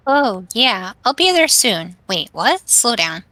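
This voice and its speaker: A woman voicing a concerned young woman on the phone, calm and reassuring, while reading a game aloud. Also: fairly high pitch, slow pace, no room sound, heavily acted. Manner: calming, reassuring.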